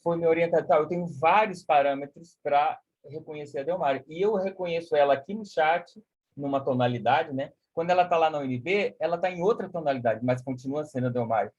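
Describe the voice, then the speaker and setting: Husky man teaching music on a video call. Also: fairly high pitch, fast talker, dull audio. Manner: explains warmly with many "né?", sings solfège syllables. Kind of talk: live online music lesson.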